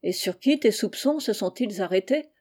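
Suspicious king, firm, emphatic, mellow voice, storybook, woman reader. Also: medium pitch, lively intonation, normal speed, close to an everyday voice. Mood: stern. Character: suspicious, frightened old king.

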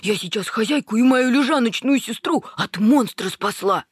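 Woman doing a breathy, excitable, bossy little lap dog, close and dry. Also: fairly high pitch, normal speed, no room sound, voice pushed up. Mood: boastful. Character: snobbish, hysterical small female dog.

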